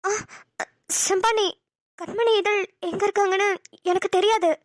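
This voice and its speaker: A woman's voice: extremely high pitch, fairly even intonation, normal speed, no room sound, clean studio sound. A woman voicing a nervous young woman in a cartoon, hesitant and stammering. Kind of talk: cartoon voice acting.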